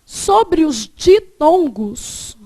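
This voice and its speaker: A woman's voice: sits high, very animated, extremely slow, dark tone. A woman teaching a grammar lesson, asking the class questions and answering them herself.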